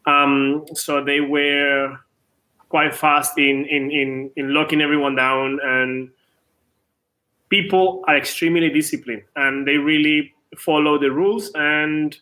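Tennis club co-owner, male, late 30s, from Venezuela, ringing upper voice, quick with restarts. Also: fairly high pitch, little pitch movement, pushed and bright. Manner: quick, repeats words at starts. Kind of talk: casual interview.

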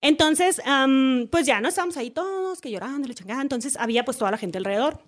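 A Mexican woman hosting a podcast, telling a story in casual chat, animated and swearing freely as she acts out quotes. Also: sits high, fast. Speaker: podcast host.

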